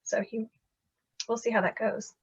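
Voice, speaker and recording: A woman with a somewhat high voice chats in an easygoing, friendly way as a co-host. She comes through a video call, so her sound is dull and lo-fi. The talk is relaxed and unscripted. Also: measured pace, husky. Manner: easygoing, chatty knitter. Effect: heard over a video call. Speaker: podcast co-host. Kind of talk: casual chat.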